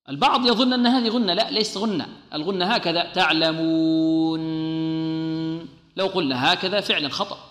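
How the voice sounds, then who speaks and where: A man teaching Quran recitation rules, asking his class questions and answering them himself, and drawing out sounds slowly to demonstrate them. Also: a little high, sharp tone. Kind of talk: tajweed lesson. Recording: echoey room with long reverb.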